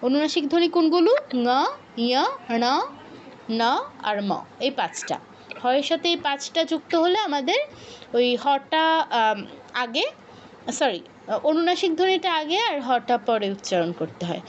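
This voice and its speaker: High-voiced woman teaching patiently. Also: lively intonation, normal speed, lo-fi sound, slight background noise. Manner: patient, repeats points and asks students to check. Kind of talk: online workshop lesson.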